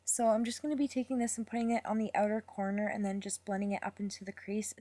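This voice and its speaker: A woman's voice: medium pitch, fairly even intonation, fast talker, dark tone, no room sound. Chatty young woman narrating a makeup tutorial. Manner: chatty, rambling with fillers and apologies. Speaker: makeup vlogger. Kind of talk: casual voice-over tutorial.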